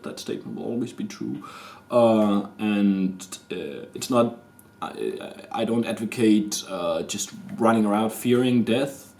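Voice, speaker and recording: A man in his thirties with a Danish accent confesses something personal to his camera, recorded on its built-in mic. His voice is medium-pitched and darkish, and his delivery halts with many fillers and restarts.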